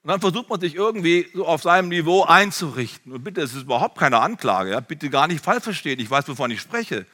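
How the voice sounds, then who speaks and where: Animated male pastor, bright tone, sermon in a church with long reverb. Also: fairly high pitch, fast, few pauses. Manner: animated, addresses congregation directly.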